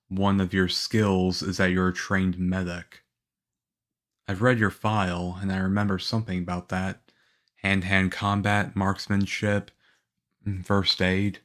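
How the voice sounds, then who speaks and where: Man acting as Leon Kennedy, low, unhurried young agent. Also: a bit bright. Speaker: audio roleplay voice actor. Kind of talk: ASMR roleplay acting.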